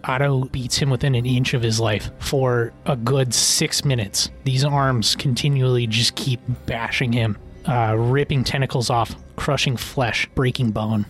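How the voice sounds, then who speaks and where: Mid-pitched man narrating as game master. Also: steady tone, measured pace. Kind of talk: improvised narration of a tabletop fantasy game. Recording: music behind.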